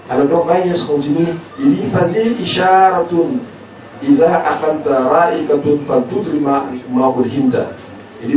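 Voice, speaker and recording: Male religious teacher, mellow voice, verse-by-verse sermon, far off in a very echoey hall. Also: medium pitch. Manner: explains verses line by line, recites Arabic then explains it in French; addresses listeners directly with rhetorical questions. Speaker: Islamic teacher giving tafsir. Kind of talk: sermon-style commentary on a text. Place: zawiya gathering hall. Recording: very echoey, from far off, faint background noise.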